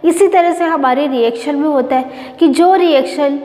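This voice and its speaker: High-voiced Indian woman teaching science. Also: moderate pace, warm tone, roomy sound, big-room sound. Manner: explains with rhetorical questions, mixing Hindi and English. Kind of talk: classroom lecture to students.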